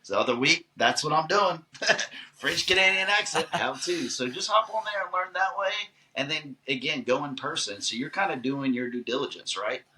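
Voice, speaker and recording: A man who is an actor, answering podcast questions in a relaxed, chatty and long-winded way. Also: fairly high pitch, moderate pace, rough recording. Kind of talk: casual podcast conversation.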